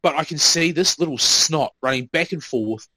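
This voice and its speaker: A man's voice: a little high, moderate pace, pushed and bright, no echo, poor audio. A man co-hosting a podcast, telling work stories in casual chat, swearing freely and acting out what people said. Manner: swears freely, acts out quoted remarks. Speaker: podcast co-host.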